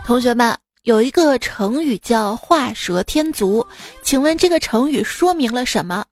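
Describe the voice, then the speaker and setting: A high-pitched woman hosts a joke segment on the radio, teasing her listeners and slipping into the characters' voices. Soft music plays quietly behind her. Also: lively intonation, measured pace. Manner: playful, teasing, acts out characters' lines. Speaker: radio comedy host. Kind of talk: comic joke reading.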